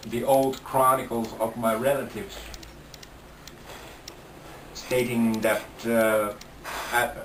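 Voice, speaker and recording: In a casual interview, a Finnish man speaks English slowly and haltingly, often restarting his sentences. He sits well back from the microphone in an echoey room, which gives a roomy sound with a little hiss or hum, and his middle-range voice has a fairly bright tone.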